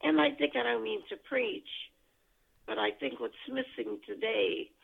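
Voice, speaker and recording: An older grandmother heard over a speakerphone line, talking slowly and haltingly as she searches for words. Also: on the high side, lively intonation, vocal fry. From United States. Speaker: grandmother being interviewed. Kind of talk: family oral history interview. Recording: tinny phone line.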